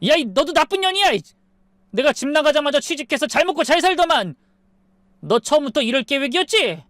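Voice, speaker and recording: A man's voice: very high-pitched, expressive, brisk, a bit bright, dry recording, studio quality, pitched above the performer's own voice. A woman reading the part of a desperate middle-aged husband who pleads and then lashes out, in a storybook drama. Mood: angry.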